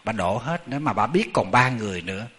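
Middle-aged Southern Vietnamese monk, bright voice, lively anecdotal sermon style. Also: male voice, lowish voice, fast talker. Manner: animated, chatty, addresses the audience often. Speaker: Buddhist monk. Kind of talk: storytelling sermon.

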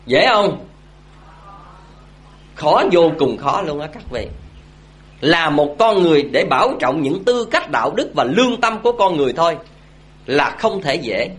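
A man's voice: fairly high pitch, sing-song, a little slow, long pauses. A man giving a Buddhist dharma talk, telling a story and asking his audience questions. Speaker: Buddhist speaker.

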